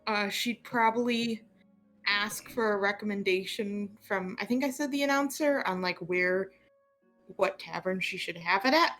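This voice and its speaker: Upbeat bright-voiced woman player. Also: medium pitch, normal speed, faint music behind. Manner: playful, upbeat, laughs a lot. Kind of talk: playing a tabletop game.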